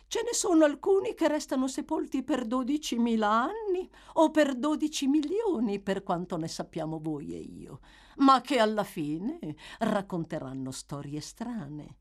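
A cold, calculating matron haggles in a high, cutting voice, as a woman reader puts her on. She stays calm and unyielding, every word sharp and deliberate. A storybook reading, acted with lively swings in tone. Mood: ominous. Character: shrewd, cold-blooded middle-aged matron bargaining.

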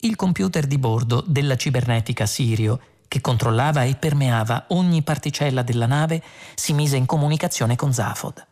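A man narrating a comic science fiction audiobook in an even, dry storytelling manner. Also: medium pitch, normal speed, few pauses. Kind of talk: audiobook reading.

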